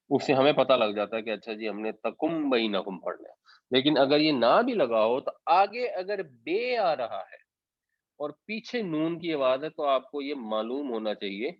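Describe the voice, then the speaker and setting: A man gives a patient, explanatory religious lesson at an ordinary middle pitch, dropping in English words as he goes. The recording is dry, with no room sound, and a little dull and muffled. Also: no echo. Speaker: Quran teacher.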